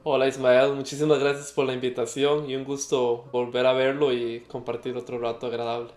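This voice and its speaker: A young Costa Rican musician, speaking with a Costa Rican Spanish accent, tells his story as an interview guest, reflective and hesitant, using fillers. His mid-range voice is slightly mellow, fairly quick and flat in pitch, in an echoey room.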